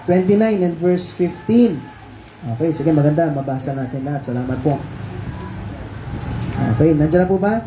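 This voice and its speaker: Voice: medium pitch, normal speed, pauses often, background noise. A preacher with a Filipino accent giving a conversational Taglish sermon, politely coaxing the congregation with questions and cues to read verses aloud. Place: church hall. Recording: dull, echoey church livestream audio.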